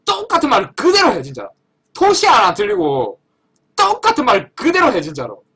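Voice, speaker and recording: A man from Korea casually telling a story to camera in an animated, emphatic way, often repeating himself for stress. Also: very high-pitched, brisk, husky. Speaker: vlogger.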